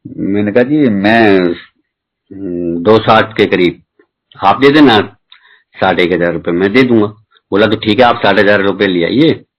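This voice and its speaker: Low-voiced man telling a devotional story. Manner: chatty, acts out both sides of conversations. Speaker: devotee sharing a testimony. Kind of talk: storytelling testimony at a satsang. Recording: dull lo-fi recording.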